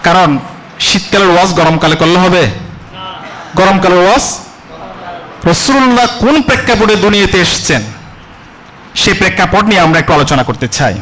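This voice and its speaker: A man preaching a sermon. He asks the congregation rhetorical questions and chants Arabic verses slowly. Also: high voice, expressive, a bit bright, slight background noise, low-quality recording. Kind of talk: Bengali religious sermon (waz).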